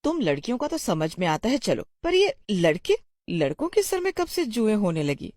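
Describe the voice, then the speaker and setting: A woman's voice: mid-range voice, very animated, normal speed, a little mellow, dry recording, pitched above the performer's own voice, natural voice. A woman voicing a middle-aged female schoolteacher in a storybook tale, scolding and questioning her pupils. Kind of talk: storybook voice acting.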